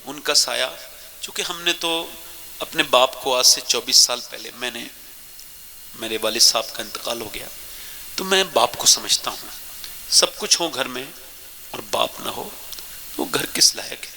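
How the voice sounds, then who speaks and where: A man preaching a sermon with impassioned storytelling. His voice swells high, then sinks soft and tearful. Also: expressive, long pauses, slight background noise. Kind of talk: Urdu religious sermon.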